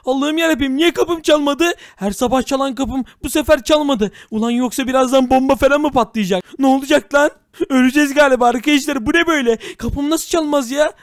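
A man's voice: extremely high pitch, no room sound, clean studio sound. A man narrating a comic game role-play in a dramatic, exclaiming way.

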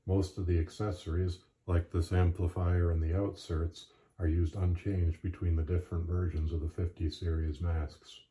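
Very deep, dark-voiced man explaining gear. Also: little pitch movement, moderate pace, hardly any pauses. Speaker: presenter of a gear demonstration. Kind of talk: instructional narration.

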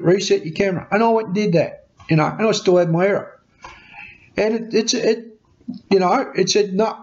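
A middle-aged Australian tech vlogger with a high-ish voice and a head cold rambles casually to his desk webcam, chatting, repeating words, and gesturing animatedly with his hands as he explains something. He's in a small, cluttered home workshop room, and the webcam audio sounds dull, muffled and lo-fi.

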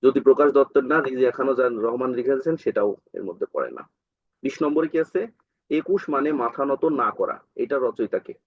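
Male Bangladeshi exam tutor, husky, explanatory, dry lo-fi recording. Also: mid-range voice, no room sound. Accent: Bangladeshi Bengali. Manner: explanatory, asks and answers his own questions, frequent fillers. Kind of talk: exam question walkthrough lesson. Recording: dull, dry lo-fi sound.

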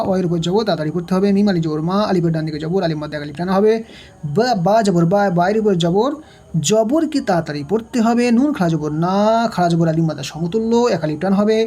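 A woman's voice: lowish voice, warm tone, slightly rough. A woman teaching Quran recitation step by step, spelling out letters and vowel marks one at a time and repeating each sound. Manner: slows to a long drawn-out chant for the Arabic verses. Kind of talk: step-by-step tajweed lesson.

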